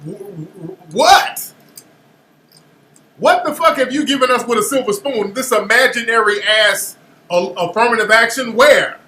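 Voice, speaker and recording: High-voiced incredulous male host, echoey room. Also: moderate pace. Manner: animated, incredulous, challenging. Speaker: show host. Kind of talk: commentary reacting to a played clip.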